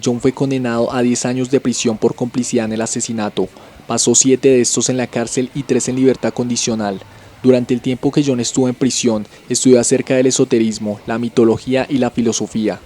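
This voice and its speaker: A man giving a scripted documentary narration as a channel host, in an even, measured storytelling delivery. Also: medium pitch.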